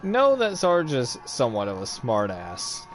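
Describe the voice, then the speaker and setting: Male host, mid-pitched, relaxed storyteller who swears freely. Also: unhurried, faint music behind. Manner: swears freely, laughs at his own story. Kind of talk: casual storytelling.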